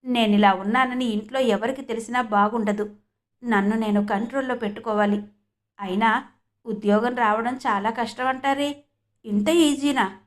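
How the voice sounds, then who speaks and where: A woman voicing a jealous older aunt muttering her thoughts slowly in an audiobook. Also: on the high side, fairly even intonation, natural voice. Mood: bitter.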